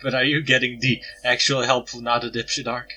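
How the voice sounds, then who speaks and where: A man's voice: mid-range voice, flat delivery, fairly quick, pushed and bright, breathy edge, poor audio. A man co-hosting a casual podcast, sarcastic, laughing and swearing often. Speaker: podcast co-host.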